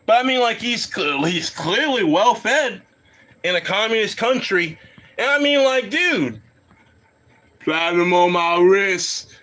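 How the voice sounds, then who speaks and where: Male live streamer, slow-paced, lively pitch, rambling and laughing with chat. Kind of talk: casual reaction commentary.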